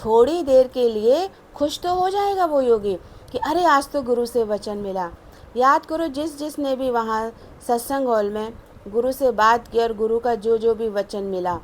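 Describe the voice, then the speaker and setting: Female satsang preacher, higher register, measured repetitive sermon delivery. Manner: measured and repetitive, explaining stories slowly. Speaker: satsang speaker. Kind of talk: devotional sermon.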